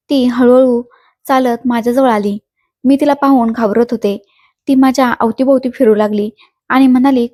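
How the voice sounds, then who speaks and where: A woman's voice: a little high, mellow, dry recording, studio quality. Woman narrating a dramatic story. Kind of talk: scripted first-person story narration.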